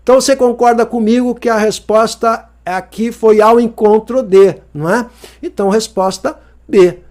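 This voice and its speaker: A man, teaching an exam-review lesson in a lively, joking way and asking the viewer questions often. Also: sits high, normal speed. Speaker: Portuguese teacher.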